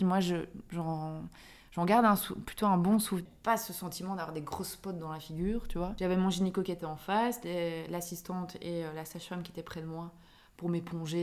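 A woman in her thirties with a Belgian French accent, telling a personal story as a podcast guest, animated and often laughing. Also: fairly low pitch. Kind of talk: casual chat.

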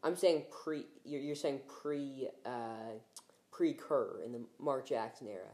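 A podcast host guides a relaxed basketball chat, asking questions in a mellow, rounded voice. The tone stays warm and unhurried. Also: medium pitch. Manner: leading questions, steering the chat. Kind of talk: casual sports talk.

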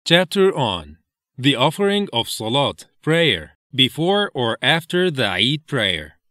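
A man reading scripture slowly and deliberately, with a lively, rising and falling melody. The sound is dry and close, with no room around it. He stops to explain each Arabic term in plain English. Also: mid-range voice, no room sound. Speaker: reader of hadith translations. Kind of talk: slow measured scripture reading.

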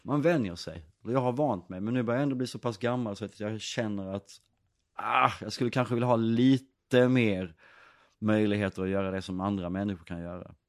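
Deep-voiced man, reflective. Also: no echo, clean studio sound. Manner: reflective, rambling with many fillers and restarts. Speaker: actor and director. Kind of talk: casual interview answers.

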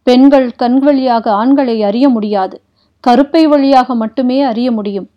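A woman voicing a stern, restrained old warrior-prince who speaks in a grave, measured, formal way, read for an audiobook. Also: on the high side, highs cut off, natural voice. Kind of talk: audiobook character reading.

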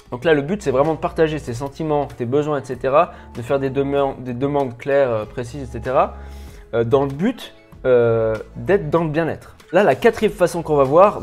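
A personal development coach, a man with a French accent and a slightly high, mellow voice, gives an impromptu video lesson directly to the viewer. His delivery is informal and rambling, marked by stammering and repeated restarts.

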